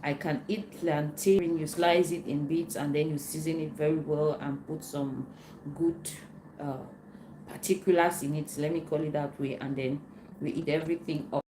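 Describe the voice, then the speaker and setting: A woman from Cameroon, hosting a casual live Q&A and answering viewer questions, unhurried and often repeating herself as she searches for words. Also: sits low, steady tone. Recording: roomy echo, faint background noise.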